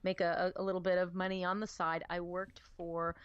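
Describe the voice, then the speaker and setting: A woman co-hosting a casual talk radio show, animated and playful, acting out quoted voices with emphasis. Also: on the low side, brisk, smooth, dry recording, muffled recording. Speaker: radio co-host.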